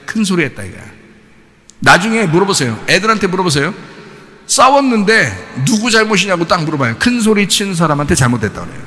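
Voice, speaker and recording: Male pastor preaching, bright higher voice, lots of swing in it, folksy, acts stuff out, big echoey church hall. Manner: animated, acts out family quarrels; folksy, shifts between polite and casual speech. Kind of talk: sermon. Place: church sanctuary.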